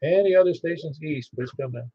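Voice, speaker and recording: A man acting as net controller on amateur radio, calling for check-ins haltingly and repeating call signs in phonetics. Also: fairly high pitch, background noise. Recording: dull, band-limited ham radio audio.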